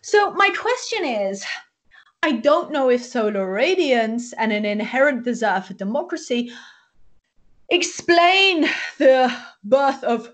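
With a high voice that swings widely in pitch and a slow pace, a woman interviews an academic guest. She asks lengthy, probing questions and keeps restarting her words.

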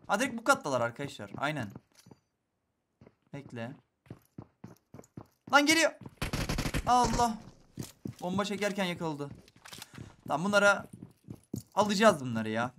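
Young male gamer, high and bright, excitable play-by-play, faint hiss behind. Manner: excitable, talks to viewers while playing, swings between hushed and loud. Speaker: gaming YouTuber. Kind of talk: live gameplay commentary.

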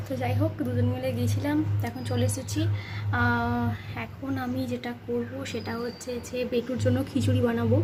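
A young woman vlogging in a casual chat, talking softly and quietly so her sleeping baby is not woken. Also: high-pitched, background noise. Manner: hushed, soft-spoken so the baby can sleep.

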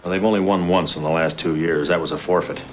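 A middle-aged actor playing a sardonic, wry school dean. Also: male voice, low voice, steady tone, quick pace, a little hiss or hum, natural voice. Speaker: dean of boys.

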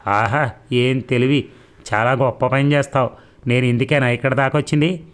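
A man's voice: medium pitch, steady tone, normal speed, smooth, close to an everyday voice. A man reading the lines of a proud, headstrong young woman in his own plain voice. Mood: insistent.

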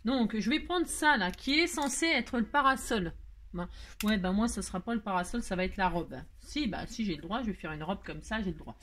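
A French woman hosts a chatty, hands-on crafting tutorial, muttering to herself as she works with exasperated sighs, asides and little laughs. Her medium-pitched voice is animated, brisk and fairly bright, with a little hiss or hum in the audio.

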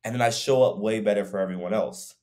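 He's a fast talker with a lowish, slightly mellow voice, a young man who coaches fitness. Co-hosting a podcast over a video call from a room at home, he keeps things casual and rambles reflectively, using a lot of fillers.

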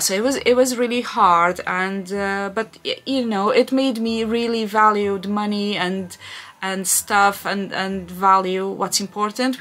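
In a casual Q&A chat, a woman vlogger from Portugal in her thirties answers questions in Portuguese-accented English. Her voice is mid-range with a sharp edge, and her talk is full of fillers and false starts.

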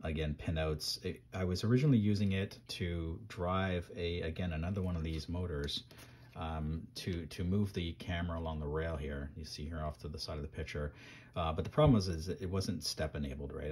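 A man's voice: extremely low pitch, darkish tone. A man at his workbench casually showing microcontroller boards, rambling with lots of ums and restarts. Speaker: maker reviewing microcontrollers. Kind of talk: casual hands-on tech demo.

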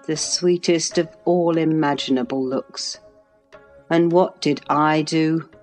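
A woman narrating a classic novel aloud in a measured, even literary reading. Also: low-pitched. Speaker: audiobook narrator.

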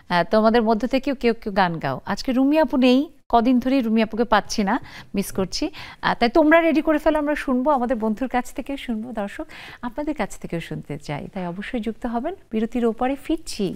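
A woman's voice: a little high, expressive, a little fast, darkish tone. A woman hosting a live television talk show, inviting callers and viewers to share their thoughts. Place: TV studio.

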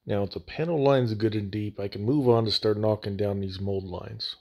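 A man's voice: fairly low pitch, steady tone, normal speed, gravelly, warm tone. A man narrating a hands-on hobby tutorial in a casual, folksy, plain-spoken way, recorded on a slightly echoey phone mic. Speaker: host of a scale model building channel. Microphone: phone microphone.

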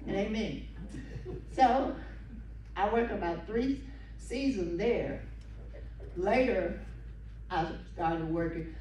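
An elderly woman with a Southern American accent, short of breath, reminiscing in a folksy, unhurried way as she tells stories to an audience. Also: mid-range voice, mellow, distant mic. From southern United States. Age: 70s or older. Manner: folksy, unhurried, with pauses and acted-out quotes. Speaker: guest speaker at a local history talk. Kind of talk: informal reminiscing storytelling to an audience. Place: meeting room with seated audience, phone camera from the audience. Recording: echoey, noisy room recorded from afar.

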